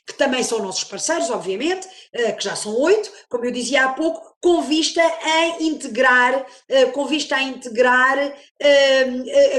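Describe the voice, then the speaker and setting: High-pitched woman presenting in an echoey room. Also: fairly bright tone. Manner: halting, searching for words. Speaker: workshop speaker. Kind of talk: semi-formal presentation. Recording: roomy, echoing sound.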